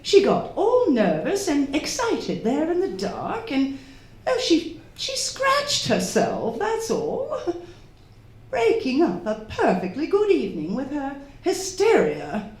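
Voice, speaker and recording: Playing a domineering hostess who aspires to be a medium, this woman acts heavily in a high, slightly mellow voice with big pitch swings. Her drawn-out, scolding delivery drips with haughty, imperious indignation. It's a live radio drama captured on a theatre stage, with a roomy, echoing sound.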